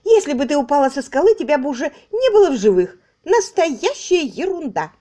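A woman voicing an irritable, impatient woman in an audiobook, speaking in a shrill, annoyed way. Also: very animated, a little fast, mellow. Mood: irritated.

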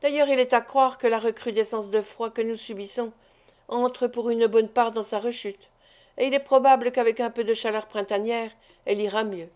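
A woman's voice: on the high side, steady tone, moderate pace, darkish tone, natural voice. Woman voicing a furious proud man. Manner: harsh, furious outbursts. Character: angry proud man, a lawyer.

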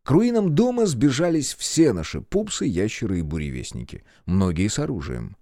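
A male narrator reading a first-person adventure story aloud with an animated, lively voice. His pitch moves freely through the sentences. The sound is dry and close to the mic. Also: normal speed, no echo. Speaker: audiobook narrator.

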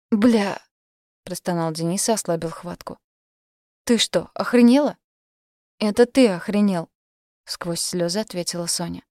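Woman audiobook narrator, steady read, fairly low voice, dry close sound. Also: no echo. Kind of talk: scripted narration.

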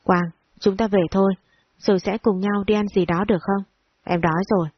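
A woman's voice: mid-range voice, steady tone, a little fast, dull audio, close to an everyday voice. A woman reading the lines of a clingy, jealous young ex-girlfriend in an audio story, pleading and sulky.

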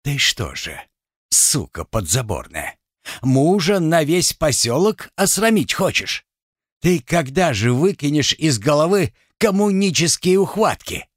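A man reading an audiobook, voicing a violent, furious Cossack husband who shouts abuse at his wife. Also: medium pitch, takes it slowly, no echo, studio quality, lightly acted. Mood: enraged.

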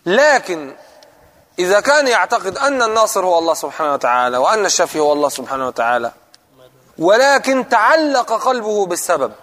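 A man gives a religious lesson in a high-pitched voice, posing questions to his listeners and repeating the key points. The sound has a long reverb, as if recorded in a large hall. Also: lively intonation, fast talker, a bit bright. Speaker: preacher.

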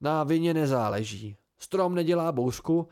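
A man's voice: on the high side, expressive, darkish tone, clean tone, pitched above the performer's own voice. A man reading an amateur audiobook, voicing a dry-witted seasoned man who lectures his younger friends wryly. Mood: lecturing.

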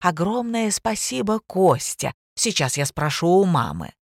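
A woman reading an audiobook, voicing an excitable elderly female literature teacher who lectures in a prim, gushing way. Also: lowish voice, a little slow, creaky, no room sound, clean studio sound, exaggerated voice. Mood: lecturing. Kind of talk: audiobook character voice.

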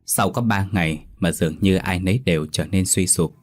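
A man narrating a ghost story in a steady, measured way. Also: deep voice, faint music behind.

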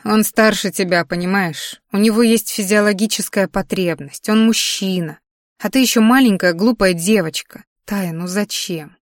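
A woman's voice: mid-range voice, moderate pace, dry recording, clean studio sound, natural voice. Woman reading as a stern, pleading aunt. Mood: pleading, scolding. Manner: pleading and scolding. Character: stern worried aunt in her late thirties.

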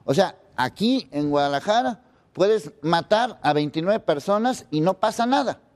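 A man's voice: high voice, animated, moderate pace, darkish tone. A man giving indignant news commentary, repeating pointed rhetorical questions.

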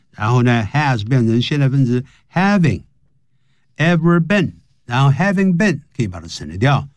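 In a dry recording, a man with a mid-range, darkish voice explains English grammar in Chinese for a broadcast lesson. He reads the English example sentences slowly and with care.

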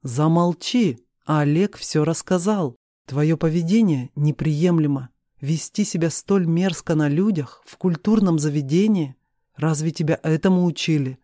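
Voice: medium pitch, measured pace, dark tone, no room sound, clean studio sound, close to an everyday voice. A reader voicing a stern middle-aged mother who harshly scolds and accuses her daughter in an audiobook. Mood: scolding.

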